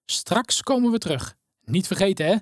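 A woman voicing a kind, calm male pastor speaking gently to children. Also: medium pitch, moderate pace, no room sound, clean studio sound, voice pushed up, close to an everyday voice. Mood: reassuring. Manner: calm, friendly and reassuring.

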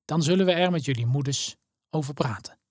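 A woman voicing a kind, calm male pastor speaking gently to children. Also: deep voice, brisk, dry recording, clean studio sound. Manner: calm, friendly and reassuring.

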